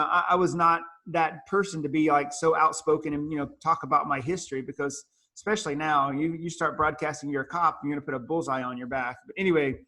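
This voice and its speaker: A man giving a talk at a business luncheon, telling his story in a lively, animated way and acting out the lines he quotes. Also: on the high side. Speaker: featured speaker.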